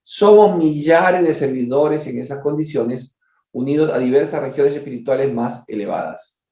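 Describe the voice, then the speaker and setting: Man, study group leader, reads a book aloud then chats about it, mellow dark voice, echoey dull recording. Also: medium pitch, normal speed. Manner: conversational, with frequent asides to listeners. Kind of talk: reading a book aloud with commentary.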